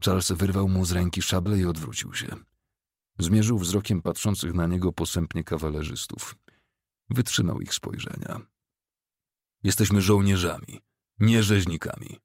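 A man narrating a novel as an audiobook, in a steady, measured storytelling manner. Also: deep voice, gravelly, breathy edge, dry recording, clean studio sound.

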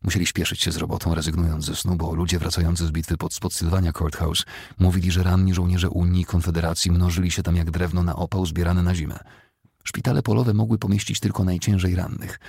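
A man narrating an audiobook with a very deep, gravelly and husky voice, reading in a steady, measured way. The recording is dry and close to the mic. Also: no echo.

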